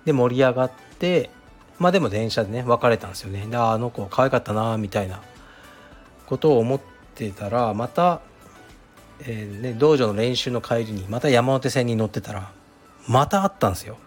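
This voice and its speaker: A man's voice: medium pitch, lively intonation, normal speed, faint music behind. A middle-aged man from Fukuoka, hosting a casual advice monologue in a frank, musing, self-deprecating way, thinking aloud with fillers. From Fukuoka, Japan. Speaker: podcast host answering a listener.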